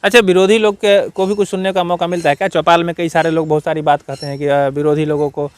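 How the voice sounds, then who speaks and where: A man's voice: fairly high pitch, flat delivery, fast, clean tone. A man reporting from a village gathering, questioning people and earnestly urging them to be aware of their rights. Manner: earnest, lecturing, urges civic awareness. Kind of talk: field interview.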